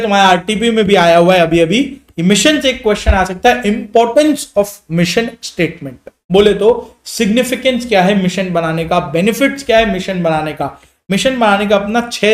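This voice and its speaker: High-voiced man giving a revision lecture. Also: reverberant. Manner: explains in quick Hindi mixed with English terms, asks and answers own questions. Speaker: teacher.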